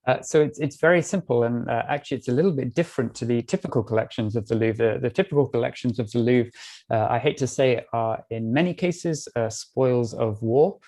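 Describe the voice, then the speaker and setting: British man, tour guide, mellow dark voice, relaxed, many fillers. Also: mid-range voice. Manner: relaxed, frequent filler pauses. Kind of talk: live webinar art tour talk.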